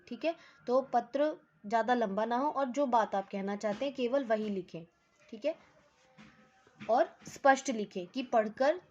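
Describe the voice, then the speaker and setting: A fairly high-voiced woman teaches schoolchildren in a patient, repetitive way. She keeps checking that they follow and slips English words into her Hindi. The recording sounds dull and lo-fi. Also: a little mellow, a little hiss or hum. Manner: patient, repeats points with frequent "ठीक है" check-ins. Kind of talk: explaining a Hindi lesson to schoolchildren.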